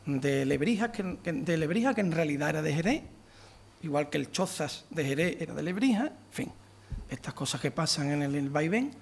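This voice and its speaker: A man giving a lively lecture to an audience, counting out rhythms and beating time aloud as he explains. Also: a little high, moderate pace. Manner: animated, counts out rhythms and taps beats aloud.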